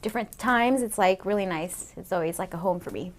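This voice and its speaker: A woman in her late thirties from Seattle, Washington, USA, a comedian guest in a casual interview, rambles chattily with plenty of "like" and "you know" fillers. Her medium-pitched voice is fairly quick, with a little hiss or hum in the audio.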